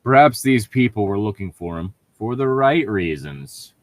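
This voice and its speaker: A man with a lowish, very animated voice reads a fan fiction story aloud at a moderate pace as a co-host. He keeps interrupting the narration with sarcastic, sweary, irreverent asides that mock the text. There's no room sound.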